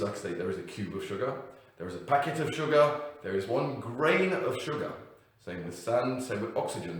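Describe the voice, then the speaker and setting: Male English teacher, unscripted, punchy stress on example words; distant mic, heavy room echo. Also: mid-range voice. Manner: unscripted, with fillers and self-corrections, emphatic on example words. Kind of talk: explaining grammar to learners.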